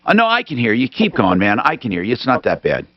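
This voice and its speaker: Hosting a call-in radio program, a man with a medium-pitched voice talks fast with huge pitch swings, emphatic and brusque as he cuts in on callers. It's unscripted, recorded dry, with the highs cut off.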